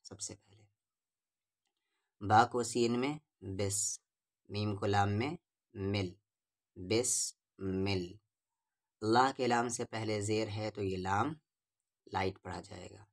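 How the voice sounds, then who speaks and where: Man, low voice, patient tutor, syllable-by-syllable spelling, slow drawn-out recitation. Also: steady tone. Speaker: Quran recitation teacher.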